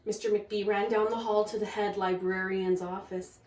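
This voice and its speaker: A woman's voice: mid-range voice, little pitch movement, moderate pace, background noise. A woman kindergarten teacher talking to young children and reading a storybook aloud. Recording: echoey room, far from mic.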